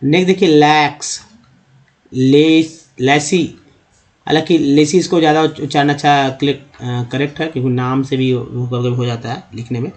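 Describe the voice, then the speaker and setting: A man teaching beginners English pronunciation. He patiently asks questions and answers them himself, and spells words slowly letter by letter. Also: a little high, fairly even intonation, a little mellow.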